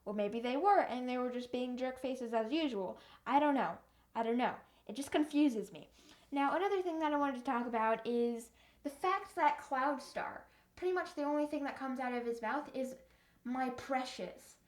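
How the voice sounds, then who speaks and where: A young woman with a slightly high voice rants through a book review. She is exasperated and animated, restarting her sentences as she rambles on. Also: moderate pace. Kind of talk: casual ranting review.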